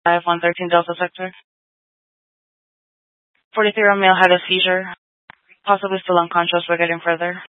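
A dispatcher's voice coming over a police radio, tinny and narrow like a phone line. The delivery stays flat and clipped, reading codes and addresses with little rise and fall. The sound is dry, with no room around it. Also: medium pitch, fairly quick, long pauses, dry recording. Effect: police radio transmission.

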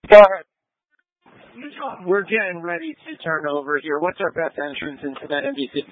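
A man's voice: fairly high pitch, lively intonation, moderate pace, no room sound. Man on a tinny police radio. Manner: clipped, matter-of-fact radio calls. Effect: police radio transmission. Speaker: emergency responder on radio. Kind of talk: radio dispatch traffic. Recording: tinny dry radio channel.

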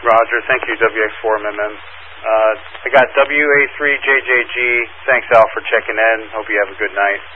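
Low-voiced net controller over staticky radio. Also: male voice, a little fast. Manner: relaxed, friendly, with frequent fillers. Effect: two-way radio transmission with static. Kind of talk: running an amateur radio check-in net. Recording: narrow radio band with faint hiss.

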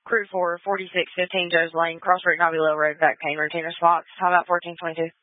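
A man's voice: fairly high pitch, little pitch movement, quick pace, no room sound. A male emergency dispatcher heard over a two-way radio, his voice squeezed into a thin, phone-like band. He reads out units and addresses in a clipped, matter-of-fact cadence. The sound is close and dry, with no room around it. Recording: tinny narrow-band radio transmission.

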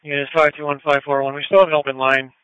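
Male police radio dispatcher: fast, crisp, clipped and procedural, over a slightly muffled channel. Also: fairly high pitch, flat delivery, fairly bright tone, no echo.

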